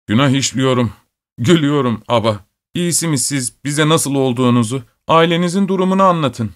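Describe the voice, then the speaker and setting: A man's voice: medium pitch, brisk, pitched above the performer's own voice, natural voice. A man voicing a distraught, fiery mother in a storybook reading, speaking with pleading emphasis. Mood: coaxing.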